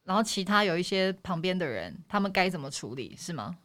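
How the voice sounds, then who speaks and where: A woman, talking as a guest in a relaxed chat. Her voice sits a little low, and she explains her views at length in a candid, reflective way. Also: brisk. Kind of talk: casual chat.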